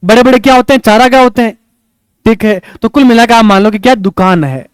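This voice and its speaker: High, smooth-voiced teacher. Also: male voice, fast talker, no room sound. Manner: explains with memory tricks and constant check-in questions. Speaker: exam coaching teacher. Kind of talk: classroom lecture.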